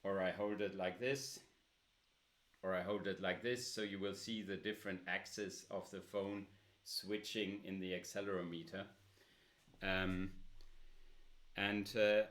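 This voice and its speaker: A man with a loud, low-pitched voice presents a smartphone app in a casual demo, pausing often with fillers.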